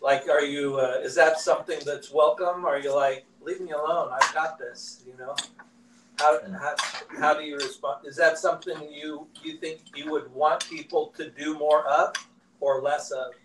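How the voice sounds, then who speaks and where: A man's voice: a little high, steady tone, moderate pace. A man from a small group asking rambling, self-interrupting interview questions. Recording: distant, echoey mic with faint noise.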